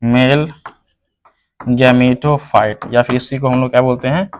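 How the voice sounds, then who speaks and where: A man's voice: medium pitch, steady tone, racing, a little mellow, slight background noise. A man teaching a biology lesson online, who asks his students questions and then answers them himself, repeating the key terms. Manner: calls the viewer "hero". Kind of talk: online lecture.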